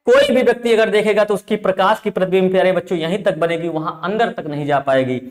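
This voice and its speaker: Emphatic high-voiced man teaching in an echoey room. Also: fairly bright tone. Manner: emphatic, repeats phrases, often calls listeners "dear children". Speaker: online tutor. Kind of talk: live online class.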